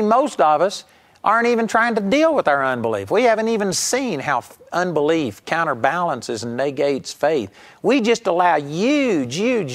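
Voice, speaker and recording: A middle-aged man preaching a sermon in a somewhat high voice. He tells his stories with emphasis and acts out the shouted lines. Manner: emphatic storytelling preaching, acting out quoted shouts.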